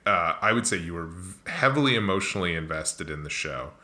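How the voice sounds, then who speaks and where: A man's voice: low-pitched, animated, a little fast, sharp tone. A man in casual conversation who tells stories and asks questions. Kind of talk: casual chat.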